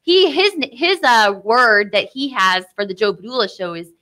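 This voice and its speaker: A woman's voice: a little high, very animated, moderate pace, sharp tone. A young woman, a guest on a radio talk show, chatting and giggling in a studio. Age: young adult. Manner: giggly, chatty, uses fillers. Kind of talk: casual radio interview. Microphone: studio microphone.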